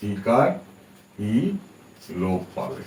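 A man's voice: lowish voice, animated, takes it slowly. A Bengali-speaking man teaching English pronunciation, patiently spelling out letters and often checking that his students follow. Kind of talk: spoken English pronunciation lesson. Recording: echoey room, distant from mic, faint background hiss.

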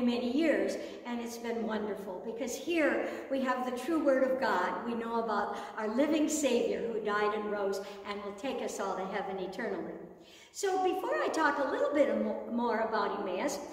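A woman giving a lively chapel message to students and telling the story with acted voices. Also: fairly high pitch. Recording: echoey hall, mic far off.

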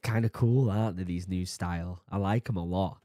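Low, steady and warm, the brisk voice belongs to a man in his thirties with a sore throat, casually chatting through a video reaction in a home room with bookshelves. He's jokey and laughs at himself. His boom-arm studio mic and headphones yield studio-quality audio without echo.

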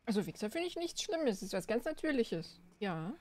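A woman's voice: a little high, big pitch swings, fairly quick, a little mellow. A young woman commenting playfully while playing a video game, reading game text aloud. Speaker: gaming streamer. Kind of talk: let's play commentary.

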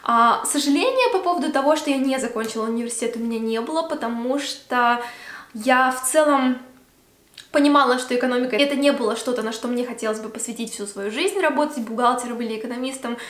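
A woman's voice: fairly high pitch, fast, fairly bright tone, roomy sound. A woman of twenty-five from Belarus, talking casually to camera in a Q&A vlog at home, full of fillers. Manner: chatty, many fillers. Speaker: beauty vlogger. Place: room at home by a Christmas tree.

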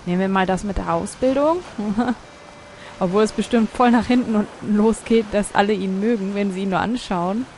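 Casting: female let's player, mid-pitched, casual commentary with faint game ambience behind. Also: normal speed, darkish tone, slight background noise. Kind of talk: casual game commentary, reading dialogue options aloud.

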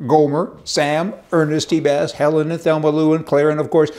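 In a studio with a wooden backdrop, an older host of a political commentary show reads from his papers and chats to camera sarcastically. His voice is on the high side and darkish in tone, delivered at normal speed with level intonation.

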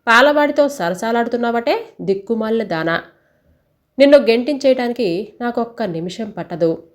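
A woman's voice: fairly high pitch, lively intonation, normal speed, voice pushed up, natural voice. A woman reading a story aloud and voicing a domineering, suspicious older mother-in-law who scolds harshly. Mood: angry.

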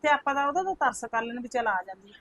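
An actress playing a talkative mother-in-law in a village home, speaking with a Punjabi accent in a brisk, storytelling manner. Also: high voice, expressive, a bit bright, no echo. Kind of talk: village comedy skit.

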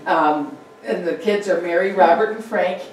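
Fairly low in pitch and moderately paced, this woman's voice carries a chatty local history presentation over slides, full of fillers and asides. The far mic in the meeting room with a projector yields a very echoey recording with a little hiss or hum.

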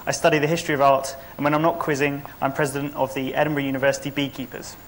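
A young man from the south of England, a quiz contestant giving a brisk introduction in a TV studio. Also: medium pitch, little pitch movement, a little hiss or hum. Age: young adult. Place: TV studio set. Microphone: lapel mic.

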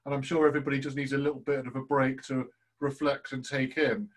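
A man's voice: mid-range voice, level tone, fast talker. A man hosting an online student session from home, enthusiastic and effusive in his praise. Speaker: host, course leader. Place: home, on a video call.

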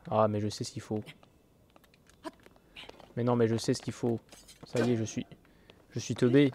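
A man's voice: medium pitch, level tone, normal speed, warm tone, slight background noise. A man playing a video game and thinking aloud, getting exasperated and swearing at it. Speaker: gaming YouTuber. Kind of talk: let's play commentary. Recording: game music playing behind.

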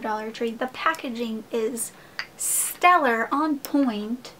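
A woman vlogger chatting casually to her viewers, gushing and fast-talking. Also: high voice, noisy background. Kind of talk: casual haul video talk. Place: home room.

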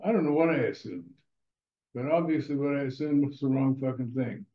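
A man's voice: medium pitch, fairly quick. An older man telling casual, rambling stories in a blunt, profane way. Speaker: storyteller. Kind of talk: casual storytelling monologue. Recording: echoey room, slightly dull sound, faint music.

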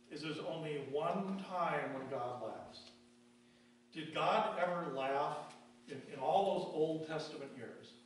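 A man's voice: on the high side, fairly bright tone. Distant preaching man in an echoing church. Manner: emphatic preaching, rhetorical questions answered with slow drops in volume; reads verses aloud in a slowed, deliberate cadence. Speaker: pastor. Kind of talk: sermon. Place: church sanctuary. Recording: very echoey church, distant mic, faint hum.

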